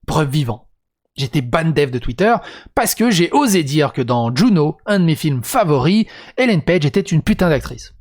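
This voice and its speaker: A man's voice: a little high, big pitch swings, normal speed, a little mellow. A man reading a script and breaking into crude, sarcastic asides as a video commentator. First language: French. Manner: crude, sarcastic asides between read passages. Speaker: YouTube commentator.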